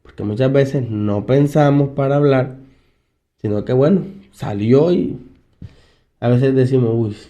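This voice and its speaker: A man's voice: medium pitch, a little slow, long pauses, mellow. A man, a psychologist, giving a casual talk on family life, speaking conversationally, putting questions to his listeners and chuckling now and then. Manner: conversational, asks the audience questions, chuckles often. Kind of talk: casual motivational talk to an audience.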